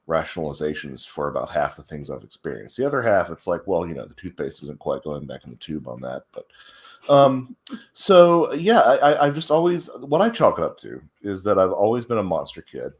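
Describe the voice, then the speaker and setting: A man from the American South joins as a guest author over a video call. His voice is very deep yet swings widely in pitch. He talks in a wry, modest, animated way.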